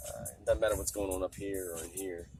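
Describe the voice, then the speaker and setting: A man with a smoker's rasp hosting a casual solo podcast in an informal, rambling, slangy way, with music behind him. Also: deep voice, fairly even intonation, fast. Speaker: podcast host. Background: music playing in the background.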